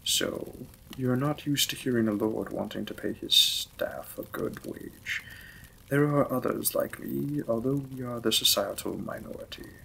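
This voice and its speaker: In a romantic audio roleplay, a man plays a gentle, apologetic Victorian vampire lord, speaking formally and tenderly as a courteous new husband. His mid-range voice is gravelly, unhurried and exaggerated, warm and courteous, on a low-quality recording with slight background noise.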